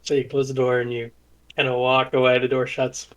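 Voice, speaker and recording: A man's voice: mid-range voice, completely flat delivery, a little fast, a bit bright, rough recording. A man narrating as game master in a casual, rambling way with many fillers.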